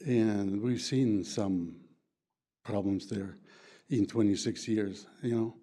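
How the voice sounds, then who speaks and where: An aging resident from the former USSR, a native Plattdeutsch speaker, offers public comment to a county board in halting English. His voice sits on the low side, steady and warm, though his sentences are broken and crowded with fillers.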